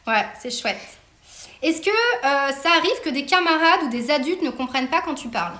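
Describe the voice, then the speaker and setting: A chatty middle-aged woman with a high voice, hosting a relaxed live-stream from home. She talks in an easygoing way with many fillers and laughs often. Her phone catches a lot of room echo. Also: normal speed. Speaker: host interviewing her daughter. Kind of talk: casual live-stream chat. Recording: roomy echo.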